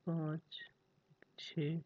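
A man, tutoring through mock exam puzzles, reading questions slowly and then rattling off solving steps in Hindi. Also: fairly high pitch, completely flat delivery, warm tone. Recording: dry tinny phone-like audio.

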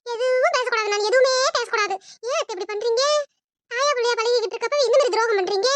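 A woman's voice: very high-pitched, fast, no room sound. A woman voicing a melodramatic, self-pitying daughter-in-law with a Tirunelveli Tamil accent. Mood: wailing. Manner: melodramatic, wailing.

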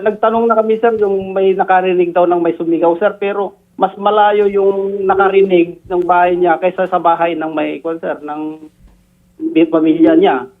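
A man reporting as a police investigator, deferential and halting, adding "sir" to nearly every phrase. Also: sits high. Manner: deferential, says "sir" constantly, halting with fillers. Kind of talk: phone-in report. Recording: tinny phone line.

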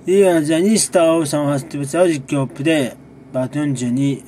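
A man who makes gaming videos, chatting casually through a monthly recap, relaxed and rambling with frequent chuckles between sips of a drink. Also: on the high side, quick pace, slight background noise. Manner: talks while sipping a drink.

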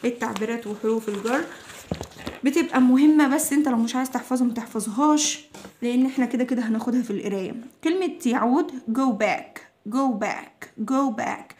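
A woman's voice: on the high side, brisk, darkish tone, a little hiss or hum. Egyptian woman drilling English words. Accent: Egyptian Arabic. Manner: repeats each English word several times, patient drilling. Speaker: English teacher. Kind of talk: vocabulary lesson for children.

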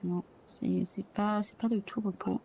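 A woman's voice: mid-range voice, steady tone, measured pace, gravelly, dark tone, husky. A woman playing a reassuring female doctor in a role-play game, giving light friendly advice.

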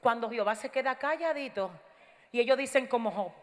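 A woman pastor giving a fiery sermon, dropping to a hush and then shouting, urging the congregation to repeat her lines. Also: a little high, brisk. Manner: swings from hushed to shouting, urges the crowd to repeat lines. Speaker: guest pastor. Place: large church hall. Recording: long reverb of a big hall.

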